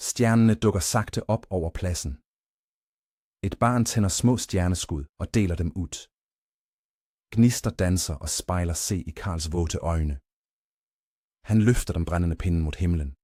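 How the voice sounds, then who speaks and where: A man with a very low, dark voice narrates a slow bedtime story. His speech stays soft, even and clearly pronounced. It sounds dry and close, with no room around it. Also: dry recording.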